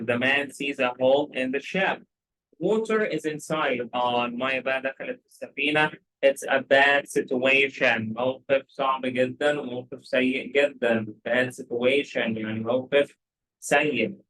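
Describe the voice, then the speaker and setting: A man with an Egyptian Arabic accent teaching English, who reads story lines slowly and then explains them in quick Arabic with repeated check questions. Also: mid-range voice, a bit bright, poor audio.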